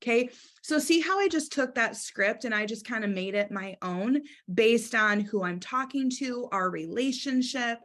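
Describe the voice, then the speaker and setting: A young woman leads a casual sales training session in a fairly high voice. She is upbeat and chatty, and she often acts out sample conversations to show new sellers what to say. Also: animated, normal speed, a bit bright.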